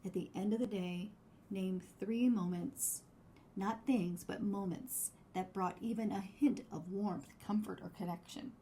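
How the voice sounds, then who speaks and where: A woman presenting a scripted instructional talk as a wellbeing coach, with measured, deliberate, encouraging phrasing. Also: mid-range voice, fairly even intonation, warm tone, a little hiss or hum, poor audio.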